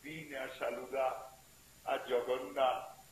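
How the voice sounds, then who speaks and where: Distressed humble pilgrim, voiced by a man, slow delivery, echoey room. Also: mid-range voice, little pitch movement, voice pushed down, lightly acted. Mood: plaintive. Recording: echoey room with faint hiss.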